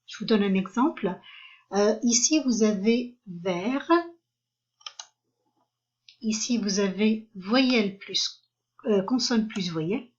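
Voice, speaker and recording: A woman giving an online French lesson, spelling out syllables slowly and carefully, with frequent hesitations. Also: mid-range voice, dull audio. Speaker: French teacher.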